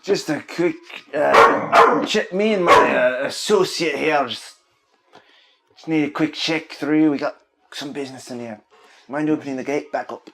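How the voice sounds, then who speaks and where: A man's voice: on the high side, measured pace, creaky. A man voicing a casual, bossy stockyard owner in an offhand, commanding way. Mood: businesslike. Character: casual, bossy male stockyard owner bluffing his guards. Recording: noisy home recording.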